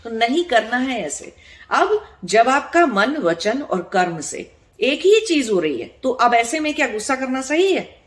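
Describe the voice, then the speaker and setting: A woman's voice: a little high, big pitch swings, measured pace. Earnest woman giving a spiritual talk. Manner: explanatory, asks rhetorical questions and checks in with the listener; earnest, repeats words for emphasis. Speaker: spiritual teacher. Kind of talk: spiritual discourse.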